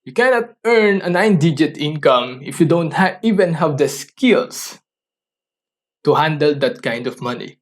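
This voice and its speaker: A fairly high-pitched man with lively intonation, a native Tagalog speaker, hosts a motivational podcast alone and earnestly coaches listeners through rhetorical questions. His delivery halts, and he keeps starting sentences again.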